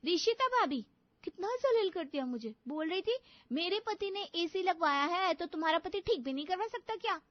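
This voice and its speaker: Woman playing a sulky, high-voiced young wife. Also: expressive, moderate pace, dry recording, dull audio. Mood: resentful. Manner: complaining, resentful.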